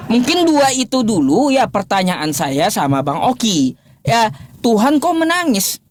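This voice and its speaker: A man's voice: high voice, sing-song. Man firing mocking rhetorical questions. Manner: pauses, restarts and fumbles with his laptop. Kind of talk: live-streamed religious debate.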